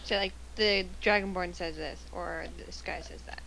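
A woman with a gravelly, fry-edged voice plays a tabletop game, steering the others in a helpful, reasonable way. Faint background noise sits behind her. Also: lowish voice, fairly even intonation, normal speed, pushed and bright, rough recording. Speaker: player.

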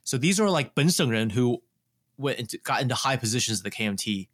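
A man with a Taiwanese accent, talking casually as a podcast co-host and explaining history in a halting, informal way with digressions. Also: medium pitch, lively intonation. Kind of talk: casual political history discussion.

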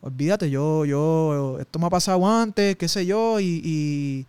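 Man, interview guest, emotional testimony, slightly high and dry-sounding. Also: unhurried, darkish tone, smooth, no room sound. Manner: intense, emotional storytelling with street slang. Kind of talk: personal testimony in conversation.

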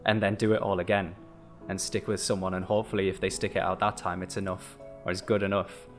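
A man's voice: low voice, level tone, fast, soft background music. A young man co-hosting a casual chat, talking in a reflective, rambling way. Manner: reflective, rambling, laughs easily. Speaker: podcast co-host.

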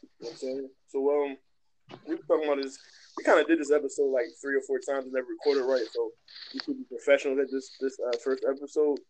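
Fast-talking man hosting a casual podcast. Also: medium pitch, level tone, darkish tone, slight background noise, low-quality recording. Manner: loose, rambling, slangy delivery. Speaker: podcast host. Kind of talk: casual chat.

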